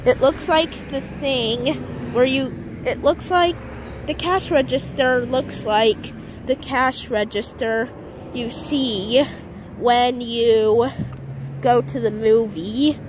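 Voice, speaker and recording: Holding her own camera, a high-voiced woman gives casual commentary while strolling through an empty outdoor parking lot. Her tone is steady, yet her speech is slow and halting, with sentences frequently left unfinished. The outdoor handheld recording is noisy.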